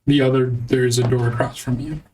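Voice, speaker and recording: A woman's voice: extremely low pitch, steady tone, quick pace, darkish tone, distant mic, a little hiss or hum, rough recording. A woman running a tabletop game as game master, reading out scenes and refereeing the players.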